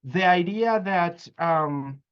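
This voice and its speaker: A man's voice: sits high, slow, clean tone. Earnest lecturing man, lo-fi sound. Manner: earnest, lecturing with frequent hesitations. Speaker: psychologist discussing counseling practice. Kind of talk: academic discussion. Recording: dull lo-fi audio.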